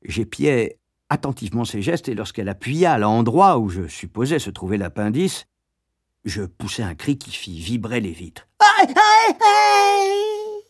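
Expressive male audiobook narrator. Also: on the low side, moderate pace, slightly rough, no echo, studio quality. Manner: expressive, lively storytelling.

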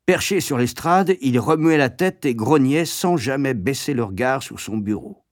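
A man reading a memoir aloud in a measured, wry storytelling manner. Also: mid-range voice, expressive, no room sound, clean studio sound. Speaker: audiobook narrator. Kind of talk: scripted memoir narration.

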